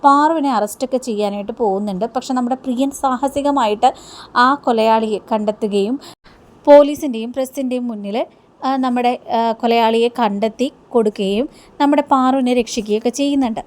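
Brief: a woman host with a fairly high voice, chatty and casual, recapping a serial. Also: brisk, a little mellow. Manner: chatty, with many hesitation fillers. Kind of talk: casual retelling of drama episodes.

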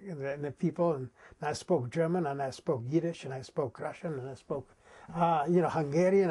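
A man in his eighties from Czechoslovakia, a non-native English speaker, telling his wartime memories in a vivid, unhurried way with dramatic pauses. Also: a little high, a little mellow, husky. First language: not English. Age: 80s. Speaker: interviewee recounting wartime memories. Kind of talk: oral history storytelling.

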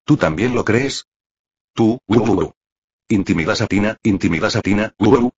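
Storybook: tantrum-prone young woman, read by a man in his own low husky voice, dull lo-fi audio. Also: normal speed. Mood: sulky. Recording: dull lo-fi recording.

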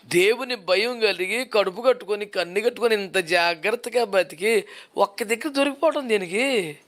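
A man's voice: high-pitched, moderate pace, fairly bright tone. A male pastor preaching a sermon, driving his points home with repeated rhetorical questions.

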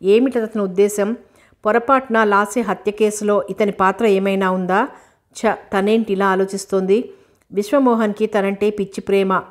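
A woman narrating a novel as an audiobook, steady and measured. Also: medium pitch. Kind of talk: novel reading.

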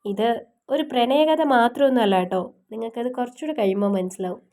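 A woman's voice: fairly high pitch, animated, quick pace, warm tone. A woman narrating a romance audiobook and chatting to her listeners while congested with a cough. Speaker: storyteller, channel host.

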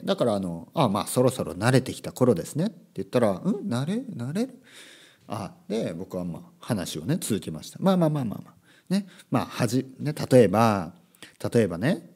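Low-voiced, animated Japanese man hosting. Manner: animated, emphatic, repeats key words with tag particles. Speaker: podcast host and language teacher. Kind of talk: casual solo podcast monologue. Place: lives abroad, recorded solo.

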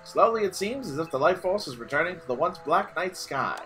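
A woman's voice: fairly low pitch, lively intonation, fairly quick, a bit bright, soft background music. A woman co-hosting a playful game playthrough, reading narration aloud and chatting with frequent laughter. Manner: laughs often, reads narration dramatically. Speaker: let's play co-host. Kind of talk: casual chat and reading game text aloud.

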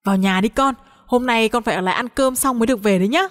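A woman's voice: fairly high pitch, rapid-fire, in a large hall, lightly acted. Brief: woman voicing a playful, teasing young-again grandmother, storybook. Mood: doting. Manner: bubbly, doting, teasing.

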